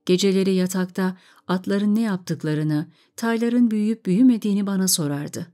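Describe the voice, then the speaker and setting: A woman reading a story aloud in a calm, measured way. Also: mid-range voice.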